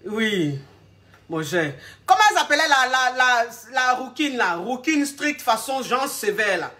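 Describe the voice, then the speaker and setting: A relationship coach with a fairly high, bright, pushed voice gives advice in a casual live talk, her pitch swinging widely while her pace stays measured. She speaks directly and familiarly to her viewers, rambling as she hunts aloud for the right words.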